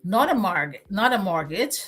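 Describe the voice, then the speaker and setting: A woman's voice: medium pitch, sing-song, normal speed, fairly bright tone, husky, soft background music. A woman from Guyana with a Guyanese accent, hosting a motivational livestream and preaching, repeating phrases for emphasis. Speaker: livestream host.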